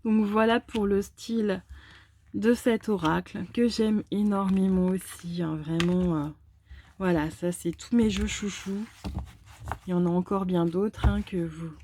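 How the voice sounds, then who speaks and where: A woman's voice: medium pitch, steady tone, a little slow, mellow, a little hiss or hum. A woman hosting a casual presentation of oracle card decks, chatty and hesitant with many fillers. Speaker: tarot and oracle card channel host.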